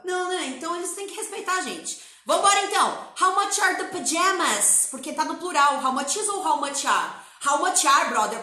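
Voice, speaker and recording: With lots of energy, a Brazilian woman runs a lively classroom-style English lesson, drilling vocabulary and repeating phrases. Her high voice comes across bright and forward, and the room gives off a noticeable echo.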